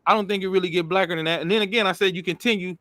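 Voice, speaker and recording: Bright-voiced man pressing a point. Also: high-pitched, steady tone, very fast, no room sound. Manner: persistent, probing questions, says "bro". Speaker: podcast host. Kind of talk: casual debate chat.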